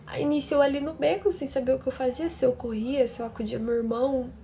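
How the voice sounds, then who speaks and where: Uma mulher brasileira que conta de forma dramática uma história pessoal, falando diretamente com as ouvintes. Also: female voice, high-pitched, fairly even intonation, fast talker, gravelly, warm tone, a little hiss or hum. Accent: Brazilian Portuguese. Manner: dramatic, talks straight to her listeners. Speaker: storytelling channel host. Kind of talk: emotional first-person storytelling.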